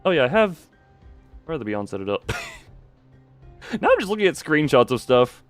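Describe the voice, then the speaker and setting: This streamer's voice runs high and very animated, delivered at a normal speed over faint background music. He's hosting a livestream, joking around, wandering off on tangents, and talking back to his chat.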